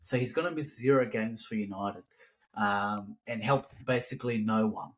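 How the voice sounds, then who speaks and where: A man's voice: lowish voice, normal speed, rough recording. A man co-hosting a podcast, chatting casually about sport in a dismissive, sweary way. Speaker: podcast co-host.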